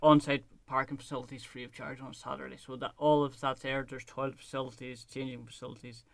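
An Irishman with a Donegal accent from the north-west, speaking at a medium pitch. He answers interview questions off the cuff as a local representative, recorded dry with little room sound. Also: level tone, fast, vocal fry, fairly bright tone, no echo. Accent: Donegal, north-west of Ireland. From County Donegal, Ireland. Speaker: parkrun representative being interviewed. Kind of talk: unscripted radio interview answers.

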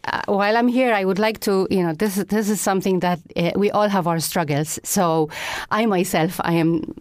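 A woman's voice: mid-range voice, moderate pace, no echo. A woman from Malta with a Maltese accent, speaking as a fitness instructor in a casual studio interview. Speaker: Zumba instructor, interview guest. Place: radio studio.

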